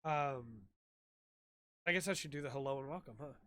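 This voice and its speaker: A man's voice: mid-range voice, moderate pace, a bit bright. A man hosting a casual podcast chat, his voice slightly weak after an asthma attack. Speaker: podcast host.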